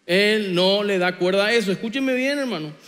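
A man's voice: high voice, moderate pace, fairly bright tone, long reverb tail. A man preaching a sermon as pastor, with a Paraguayan Spanish accent, acting out whiny complaints and God's blunt replies. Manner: theatrical, acts out whining characters and God's replies. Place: church sanctuary.

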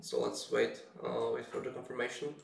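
A man's voice: medium pitch, normal speed, creaky. A man co-hosting a live stream in easygoing casual chat, laughing often, his voice carrying a heavy echo as in a canyon. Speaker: co-host of a software live stream. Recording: echoey room, distant from the mic.

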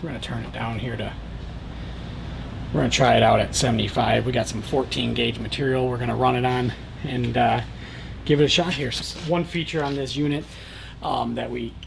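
A man in his thirties with a gravelly, creaky voice demonstrates welding equipment in a large warehouse. He talks in a relaxed, plain-spoken way, full of "uh" and "um", at a mid pitch. The camera mic picks him up from a few feet away, with clear background noise. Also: fairly quick. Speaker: welding supply product reviewer. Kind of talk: casual product demonstration.

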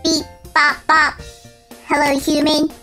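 A friendly space dog that talks in a beeping robot voice, played by a woman. The voice sits high and bright and is set a little back from the mic. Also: flat delivery, slow pace, soft background music, full character voice. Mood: robotic. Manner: robot voice with beeps. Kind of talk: let's-play game commentary.

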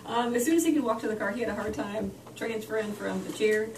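Female dental staffer, mid pitch, casual advice-giving chat, clear background chatter. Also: fast. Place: small indoor clinic recovery room. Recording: camera audio with background chatter.

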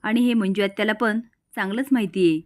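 A woman reads the part of a cruel, jealous young woman who bullies and brags. Her threats come at a middle pitch and an even pace. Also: a little fast, close to an everyday voice. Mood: boastful. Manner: threatening, boastful.

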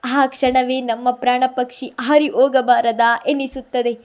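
Woman reads frightened young woman, tearful and pleading, higher mellow voice. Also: level tone, unhurried.

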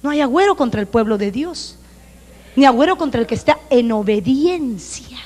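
A woman's voice: high-pitched, expressive, fairly quick. Emphatic Honduran woman preaching in a reverberant church. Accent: Honduran Spanish. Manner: emphatic, preaching loudly with acted-out quotes. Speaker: pastor. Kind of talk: sermon. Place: church sanctuary. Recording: long reverb of a church hall.

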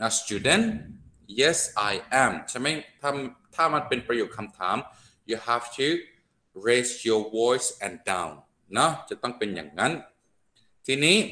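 A man gives an online English grammar lesson with a bright, forceful tone. He stretches out each English example slowly, then switches to brisk Thai explanations. He speaks into a computer microphone on a video call. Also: mid-range voice. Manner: slow, drawn-out English drills mixed with quick Thai explanations. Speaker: English teacher.

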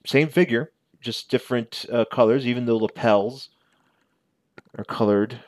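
A man in his forties giving a casual, unscripted show-and-tell commentary as a reviewer, halting and correcting himself as he goes. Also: medium pitch, steady tone, no echo. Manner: halting, conversational, self-correcting. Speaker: toy reviewer. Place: small living room at home. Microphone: headset.

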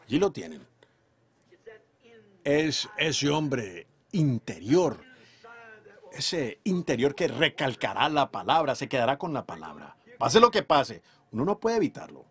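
A man preaching a sermon, emphatic, moving between loud declarations and hushed storytelling. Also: medium pitch, sing-song, unhurried, slightly rough. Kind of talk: fervent sermon delivery.

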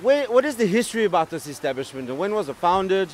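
A man's voice: high voice, very animated, fast, slight background noise. A man in his thirties hosting a food show outdoors at a restaurant at night, presenting on camera with enthusiasm and exclaiming over the food into a handheld mic. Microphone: handheld microphone.

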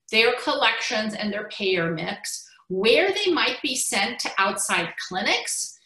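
A middle-aged woman physician giving a conference keynote over a video call, explaining slides with lively emphasis and the odd restart. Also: medium pitch, reverberant, poor audio.

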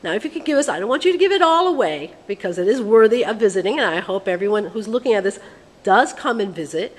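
A woman's voice: mid-range voice, lively intonation, quick pace. A woman in her thirties hosting a vlog, speaking in a playful, theatrical way as she interviews a curator inside a museum exhibit. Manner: theatrical, chatty, mixes Spanish greetings. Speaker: vlog host. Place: large museum exhibit hall, indoors. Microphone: handheld camera held close. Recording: long hall reverb with background noise.

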